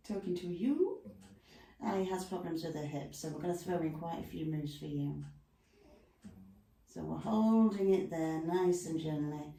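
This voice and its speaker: Her low, creaky, warm voice carries through an echoey room at home as she chattily leads a class in stretches, with lots of asides between cues. A dog is nearby, and the mic is placed far away.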